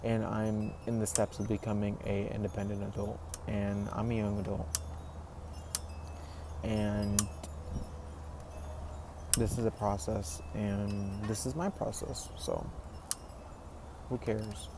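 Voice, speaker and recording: A man's voice: on the low side, level tone, slow, long pauses. A man of twenty talking casually to camera, rambling and reflective, with many "like"s and "you know"s. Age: 20s. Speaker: vlogger. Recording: noisy background ambience.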